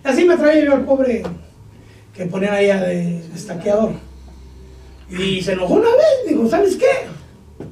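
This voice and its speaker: A man preaching a sermon, acting out dialogue and breaking into shouted bursts. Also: high voice, big pitch swings, normal speed, long pauses. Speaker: pastor. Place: church hall. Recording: echoey hall, distant mic, faint noise.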